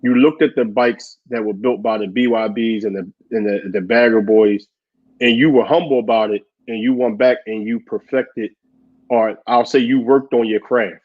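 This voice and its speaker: A man co-hosting a casual chat, animated, laughing often and acting out quotes. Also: lowish voice, normal speed. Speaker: podcast co-host. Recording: dull lo-fi audio.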